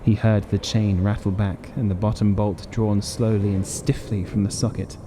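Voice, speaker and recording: A man's voice: on the low side, flat delivery, normal speed, noisy background. A man narrating a horror audiobook in a dramatic, scripted reading style.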